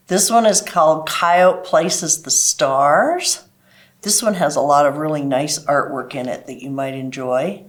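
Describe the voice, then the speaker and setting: A woman hosting a children's library program, explaining stories and crafts to kids in simple step-by-step terms. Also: low-pitched. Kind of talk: children's craft lesson and storytime talk.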